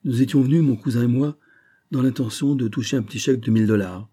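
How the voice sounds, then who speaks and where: A man voicing a calm, self-assured male engineer with a level, faintly ironic manner in an audiobook reading. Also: mid-range voice, fast, pitched above the performer's own voice, lightly acted. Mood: cool.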